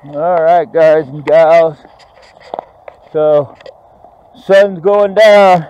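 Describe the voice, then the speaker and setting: A man hosting a metal detecting vlog, rambling casually to viewers with many pauses and ums. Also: on the high side, fairly even intonation, a little mellow, muffled recording, slight background noise. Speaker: metal detecting channel host. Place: outdoors on a grassy course, then an indoor home office.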